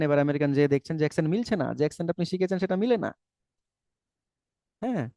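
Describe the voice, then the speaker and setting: A man's voice: a little high, darkish tone, no echo. A man giving a persuasive webinar lecture as a spoken English teacher, asking rhetorical questions.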